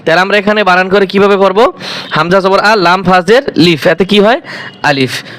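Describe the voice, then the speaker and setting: A man's voice: high voice, normal speed, a bit bright, clear, resonant tone. A male Quran teacher giving a step-by-step recitation lesson, patiently asking the class questions, answering them himself and repeating each letter aloud several times.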